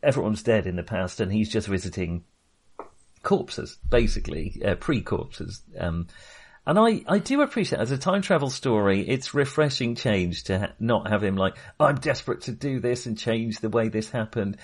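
This film podcast co-host has a fairly low, animated voice and speaks at a moderate pace. He rambles through a casual discussion of movies, frequently cutting himself off as he hunts for the right words.

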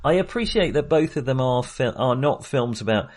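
With a mid-range, darkish voice and lively intonation, this British film podcast co-host talks at a moderate pace. His casual film chat is hesitant and rambling, and he often interrupts himself.

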